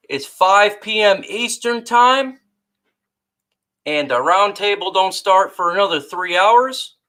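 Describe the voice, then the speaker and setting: A woman live-streaming a fired-up, exasperated rant to her chat, shouting out viewers between complaints. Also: mid-range voice, poor audio. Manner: reads out chat shout-outs.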